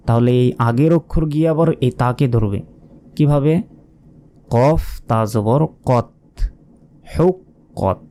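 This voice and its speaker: A man teaching Quran reading in Bengali, slowly spelling out letter by letter and asking his own questions before he answers them. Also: medium pitch, dark tone. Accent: Bangladeshi Bengali. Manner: patient, spells syllables aloud and asks himself questions. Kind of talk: slow spelling-out lesson.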